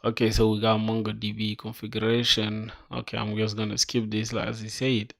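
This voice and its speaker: A gravelly, lowish male voice at a moderate pace belongs to a young streamer coding for viewers. Between mumbled passages read from the docs, he thinks out loud in slang, calls people "bro," and erupts into excited reactions.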